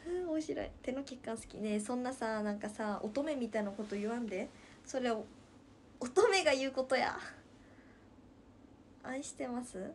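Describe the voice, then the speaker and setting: Her voice fairly high, a woman in her twenties from Nagasaki, Japan, streams from her room and chats casually with viewers, giggling playfully in the local dialect. Slight background noise is audible.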